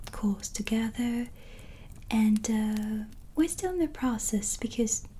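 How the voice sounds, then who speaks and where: Soft music and relaxing ambience underlie this ASMR roleplay, where a female performer voices a gentle witch in a slow, hesitant, soothing near-whisper. Her breathy, soft voice sits on the higher side, with slight background noise in the recording.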